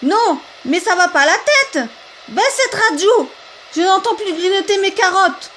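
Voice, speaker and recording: A woman voicing a touchy male grey rabbit who complains loudly and mocks his neighbour in a storybook reading. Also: very high voice, animated, unhurried, a little hiss or hum, pitched above the performer's own voice, exaggerated voice. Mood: annoyed. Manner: loud, mocking complaints.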